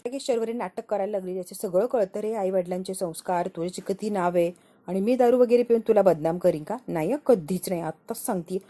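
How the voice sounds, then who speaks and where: A woman who reviews a TV serial, retelling an episode quickly and voicing each character in turn. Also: medium pitch, dark tone. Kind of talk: episode recap narration.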